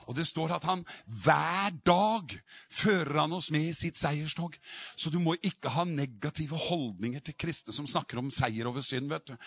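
A man's voice: mid-range voice, fairly bright tone, breathy edge, no echo. A man preaching a sermon in a fervent, emphatic way.

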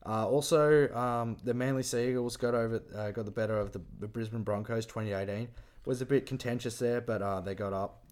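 A young man with a New Zealand accent who co-hosts a casual sports chat, rambling excitedly and peppering his talk with "mate" and "like". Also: mid-range voice, fairly quick, smooth. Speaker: sports podcast co-host.

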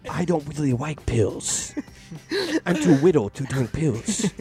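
Guy doing a whiny sassy little boy hero, rambly, lively pitch, trailer spoof w music. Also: unhurried. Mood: innocent, chatty. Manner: hesitant, childish, rambling complaints.

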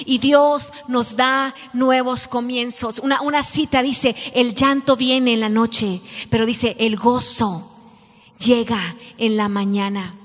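A middle-aged woman preaching a sermon to women, telling stories and asking the audience questions. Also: a little high. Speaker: women's ministry speaker. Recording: long reverb of a large hall.

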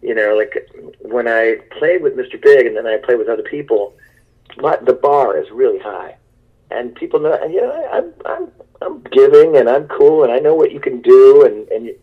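A man's voice: mid-range voice, very animated, normal speed, phone-quality sound. A man, a guest musician, talking in a rambling, enthusiastic and self-deprecating way over a speakerphone line during a phone interview. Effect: heard over a speakerphone line.

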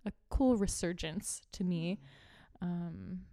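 A woman's voice: on the low side, fairly even intonation, slow pace, gravelly, warm tone, no echo, clean studio sound. Woman co-host musing casually. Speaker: podcast co-host. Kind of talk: casual chat.

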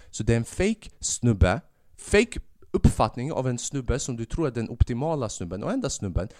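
Sick with a fever, a male podcast host rambles through a casual monologue full of animated rants and frequent swearing. His voice is mid-range, and the studio sound is clean, without any room sound.

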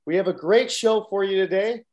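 A man's voice: sits high, brisk, darkish tone. A man hosting a local podcast, asking questions in an upbeat, enthusiastic way. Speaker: podcast host. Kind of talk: casual interview hosting.

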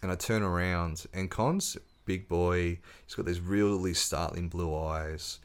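A man with a very low voice, talking as an author guest on a podcast. He tells his stories in a relaxed way, stopping for ums and restarting his sentences as he goes. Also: unhurried, clean tone. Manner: storytelling, relaxed, with fillers and restarts. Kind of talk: casual interview chat.

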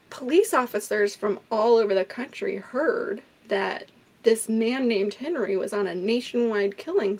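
A woman co-hosting a casual true crime podcast, telling the story in an animated way, swearing and laughing often. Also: fairly high pitch, slightly rough.

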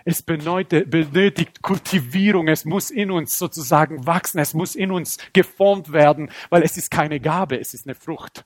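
Young man, animated sermon testimony, high-pitched, dry recording. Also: normal speed, hardly any pauses, dry recording. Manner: animated storytelling, acts out scenes, voice climbs when excited. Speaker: preacher.

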